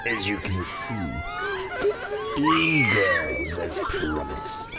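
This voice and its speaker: A man's voice: deep voice, huge pitch swings, extremely slow, creaky, raised voice, loud music behind the voice, a loud crowd, full character voice. A man playing a manic, gleeful criminal clown in an audio drama, theatrical and mocking, prone to cackling. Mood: showy. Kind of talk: fan-made audio drama acting.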